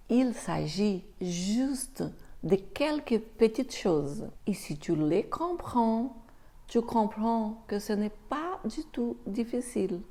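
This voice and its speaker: A woman teaches a beginner French lesson at a slow, deliberate pace. Her voice is gravelly and mellow. She models each sound with care. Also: medium pitch. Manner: slow, careful pronunciation demos.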